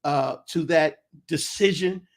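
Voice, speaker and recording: A gravelly-voiced man from Brooklyn, New York, pitched a little higher than most men, talks about marriage as a guest instructor. His delivery is casual and halting, and he often stops and restarts with ums.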